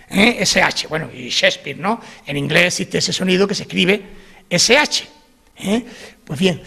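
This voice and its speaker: A man's voice: high voice, creaky. A man with an Andalusian accent giving an explanatory public talk at a book presentation, wandering off on side points and tagging remarks with a questioning "¿eh?". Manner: digressive, tags remarks with "¿eh?".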